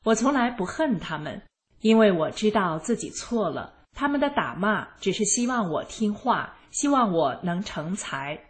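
A woman narrating her own life story in the first person, in a calm and even manner. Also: mid-range voice, normal speed. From rural China.

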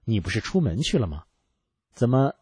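A man's voice: mid-range voice, big pitch swings, normal speed, darkish tone, breathy edge, dry recording. Blunt practical wife, as a male narrator reads her. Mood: scornful. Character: doubtful, practical young wife.

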